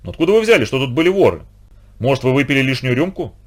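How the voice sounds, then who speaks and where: A man's voice: medium pitch, very animated, very fast. A man voicing a fussy, reproachful middle-aged housewife. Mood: scolding. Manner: scolding, reproachful. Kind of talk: audiobook character voice.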